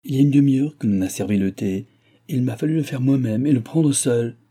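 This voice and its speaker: A man's voice: mid-range voice, normal speed, warm tone, husky, natural voice. A man reading an audiobook, voicing a spoiled, ill-tempered young lady of the house who scolds petulantly.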